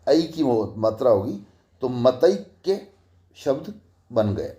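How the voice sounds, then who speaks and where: A man's voice: mid-range voice, very animated, slow pace, dark tone, lo-fi sound. A middle-aged man teaching a grammar lesson as a college teacher, repeating each example and asking questions as he goes. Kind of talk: grammar lecture.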